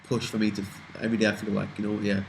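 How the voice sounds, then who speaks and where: Young UK man in his twenties, slightly low pitch, loose rambling vlog talk with cursing, light background hiss. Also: completely flat delivery, racing, vocal fry, low-quality recording. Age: 20s. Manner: rambling, swears freely, trails off and restarts. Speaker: vlogger answering viewer questions. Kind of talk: casual Q&A chat.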